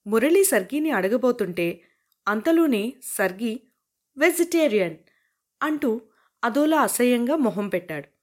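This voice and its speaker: Woman with a slightly high voice, reading a novel. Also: expressive, normal speed, a little mellow. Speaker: narrator.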